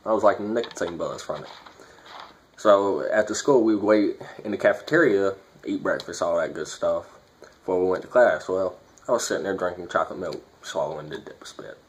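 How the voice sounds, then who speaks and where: A man with a low voice speaks with his lip packed full of dip. He talks like a casual vlogger giving a review or telling a story, blunt and quick to swear. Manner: blunt, profane.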